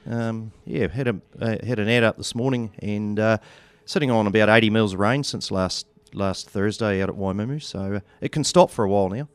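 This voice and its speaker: Farm-industry radio guest, male, New Zealand accent, lowish smooth voice, halting and understated. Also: no echo. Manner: halting, understated colloquial delivery. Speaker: studio guest, agricultural seed company representative. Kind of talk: casual radio interview. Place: radio studio.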